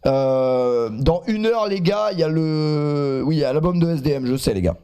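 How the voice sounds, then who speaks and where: A man's voice: on the high side, normal speed, dark tone, clean tone. A man in his twenties streaming live, reacting to clips and chatting in a teasing, self-mocking way.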